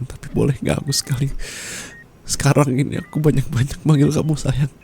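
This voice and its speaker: A young man voicing a dying husband in a whispered role-play, speaking softly and apologetically to his wife, close to the mic. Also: medium pitch, creaky, natural voice. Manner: soft, tender, apologetic murmuring.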